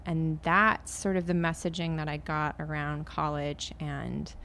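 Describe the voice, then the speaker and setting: A middle-aged woman from Maine talks as a podcast guest, chatty and quick to poke fun at herself. Her voice sits on the low side, with a faint hiss under the recording. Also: little pitch movement, vocal fry, a bit bright. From Maine, USA. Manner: self-deprecating, chatty. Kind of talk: conversational interview.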